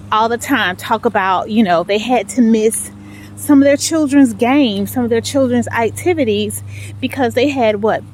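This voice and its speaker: Her fairly high voice carries a relaxed, encouraging message to followers as she strolls a residential street, and she repeats certain lines to drive them home. She's a vlog host, and the clean recording picks up outdoor ambience and cars going by.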